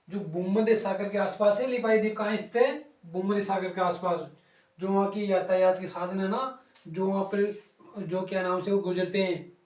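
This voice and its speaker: A man teaching geography for an exam-prep class. He repeats key words, uses playful rhymes as memory tricks and slows down while he writes. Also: high-pitched, recorded from a distance. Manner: pauses to write on a board, drawing out words. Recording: roomy sound from off-mic.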